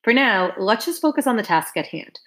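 A woman's voice: a little high, sing-song, fairly quick, voice pushed up. A woman voicing a brash, pushy male track coach in an audiobook, firing off persuasive questions. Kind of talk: audiobook character voice.

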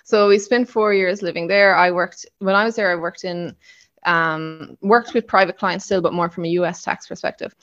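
Slightly muffled, lo-fi audio carries a young woman's fairly low voice. She has a south-west Irish accent from Kerry and talks in a casual, conversational interview style as the guest. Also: steady tone, normal speed, a bit bright. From Kerry, Ireland. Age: late 20s. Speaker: podcast guest.

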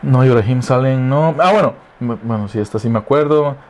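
A Costa Rican man, a comedian guest, in animated casual chat, swearing freely. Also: medium pitch, brisk. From Costa Rica.

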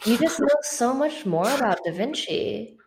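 A woman's voice: fairly high pitch, expressive, normal speed, gravelly, a little mellow, a little hiss or hum. A woman co-hosting a casual book podcast in a chatty, filler-heavy way, recording in an emptied apartment. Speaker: podcast co-host. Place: bare-walled apartment before moving out. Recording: echoey bare room.

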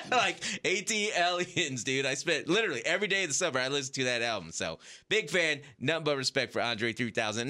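A man hosting a podcast, telling a story in a casual, animated way, laughing often and putting on whispers as he goes. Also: mid-range voice. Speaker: podcast host.

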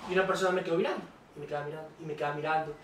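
A young man from Ecuador hosting a podcast, telling stories in an animated, casual way. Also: fairly high pitch, racing, echoey room, distant mic, slight background noise. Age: young adult. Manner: animated storytelling. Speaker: podcast host. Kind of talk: casual chat.

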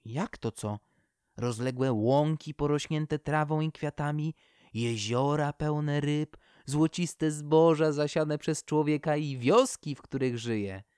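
A man's voice: fairly high pitch, slow, a little mellow, clean tone, dry recording, studio quality, voice pushed up. A man voicing a small, curious female owl in a storybook, light and dreamy. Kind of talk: storybook character voice.

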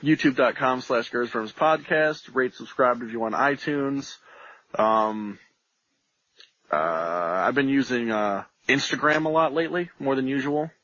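A man's voice: mid-range voice, unhurried, a bit bright, no echo. A man co-hosting a podcast in casual, enthusiastic, slangy chat. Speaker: podcast co-host. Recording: slightly dull, lo-fi sound.

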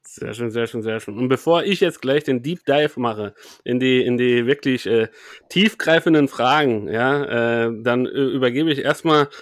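A man's voice: mid-range voice, normal speed, no echo, studio quality. A man hosting a podcast, upbeat as he prompts guests and hands over questions. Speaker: podcast host. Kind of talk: casual podcast moderation.

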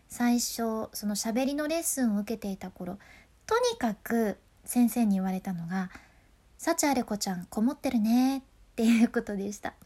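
High-voiced woman, chatty upbeat voice tips, laughs a lot. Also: mellow. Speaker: freelance announcer giving voice tips. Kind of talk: casual voice-training talk.

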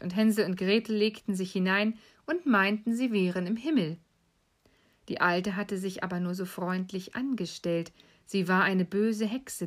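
Calm woman reading a fairy tale. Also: mid-range voice. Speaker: storyteller.

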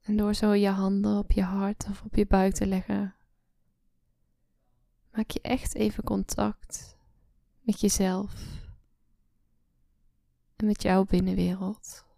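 A woman guiding a relaxation meditation, speaking slowly and softly, often in a whisper, close to the mic. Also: mid-range voice, flat delivery, gravelly, no echo. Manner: slow soft-spoken, often whispering. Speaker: meditation guide.

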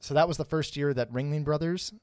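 A man's voice: fairly high pitch, a little fast, a little mellow, smooth, no echo, clean studio sound. A man co-hosting a casual podcast, laid-back and laughing often, swearing casually as he tells a story. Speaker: podcast co-host.

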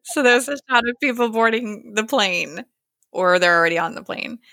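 A woman's voice: fairly high pitch, expressive, moderate pace, sharp tone, no room sound, clean studio sound. A woman casually recapping a TV episode, storytelling with giggles and hummed cues.

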